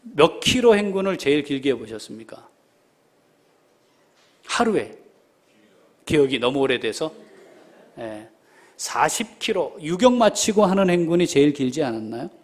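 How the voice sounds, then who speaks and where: A man's voice: fairly high pitch, sing-song, normal speed, long pauses. A male pastor preaching a sermon, firing rhetorical questions at the congregation, calling members by name and dropping to a whisper when he prays.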